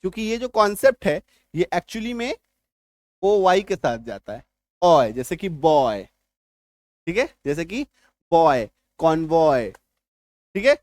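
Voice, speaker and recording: A man teaching English spelling and pronunciation in Hindi, going slowly, repeating words and often checking whether his viewers understood. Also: on the high side, sing-song, no room sound, studio quality. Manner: slow and repetitive, often checking that viewers follow. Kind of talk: spoken Hindi spelling lesson.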